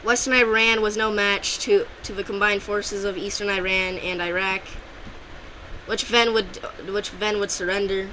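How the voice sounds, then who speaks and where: A woman of medium pitch speaks at a moderate pace with little pitch movement, her voice pushed and bright, on a rough recording with faint hiss or hum. Unscripted and rambling, she comments on an alternate-history map, often restarting and correcting herself mid-sentence.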